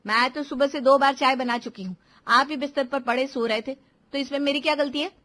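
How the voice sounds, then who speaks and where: A woman does Hindi cartoon voice acting as a young newlywed wife, arguing back at her husband in a defensive, exasperated way. Her voice sits high, a little fast and fairly bright.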